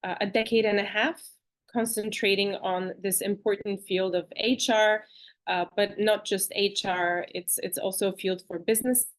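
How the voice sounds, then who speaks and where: A woman from Bulgaria, a guest in an interview, talking in an animated, chatty way with fillers and restarts over a video call. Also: medium pitch, normal speed. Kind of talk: conversational interview.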